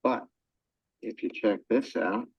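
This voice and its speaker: A hesitant grandson. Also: male voice, on the low side, takes it slowly, gravelly, slightly rough, no echo, full character voice. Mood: pleading. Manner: hesitant, apologetic. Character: hesitant young grandson seeking approval. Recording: dull lo-fi film clip.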